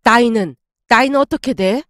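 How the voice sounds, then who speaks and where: Anxious, scolding middle-aged mother, voiced by a woman; high, dry read. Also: normal speed, fairly bright tone, dry recording, natural voice. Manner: nagging, worried.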